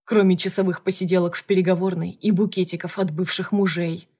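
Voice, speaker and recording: A woman's voice: fairly low pitch, flat delivery, a little fast, darkish tone, husky. A brusque male director who barks orders and jabs with sarcasm , as a woman narrator puts him on. His lines come clipped and commanding, read as part of an audiobook. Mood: sarcastic. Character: brusque male boss, gruff and jealous. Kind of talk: audiobook character reading.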